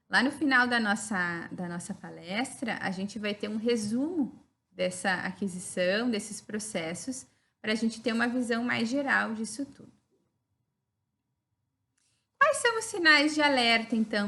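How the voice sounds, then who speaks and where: A woman's high, pushed and bright voice carries a Brazilian Portuguese accent through a recorded lecture. She teaches methodically, step by step, punctuating her points with frequent "né?" tag questions.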